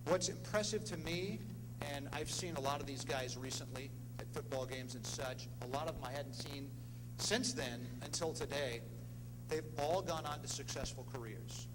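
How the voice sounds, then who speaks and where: In an echoey indoor ceremony hall with long reverb and a noisy hum, a middle-aged man presents at an athletics hall of fame ceremony. He speaks at medium pitch and normal speed, delivering an earnest, emphatic speech in short, punchy phrases.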